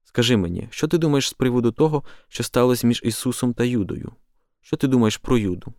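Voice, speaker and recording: A man's voice: medium pitch, expressive, quick pace, a little mellow, dry recording, studio quality, natural voice. A man reading the part of a fiery, impulsive apostle who talks in a heated, insistent, accusing way. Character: fiery, impulsive male apostle, middle-aged.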